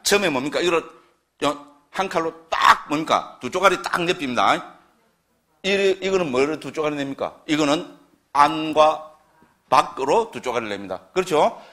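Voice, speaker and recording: A middle-aged man with a Gyeongsang Korean accent gives a lecture on Buddhist scripture, his voice sitting a little high. He talks to the class in a chatty way and keeps asking them to agree with him. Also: sharp tone.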